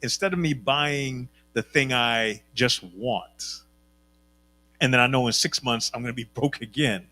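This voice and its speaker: A man with a bright, forward voice speaks on a church panel. He explains his point reflectively and laughs easily between thoughts. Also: medium pitch, a little slow.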